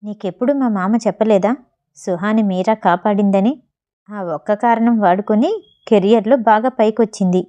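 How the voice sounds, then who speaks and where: A woman's voice: mid-range voice, steady tone, moderate pace, close to an everyday voice. A woman reading the lines of a teasing, protective young man in a storybook reading. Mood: scornful. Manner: teasing, then sharp when annoyed.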